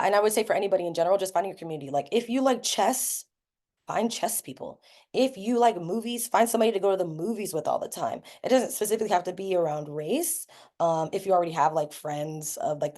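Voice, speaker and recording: Young woman, warm dark tone, a bit low, casual personal talk as a guest speaker. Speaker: guest speaker sharing experience. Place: online video call.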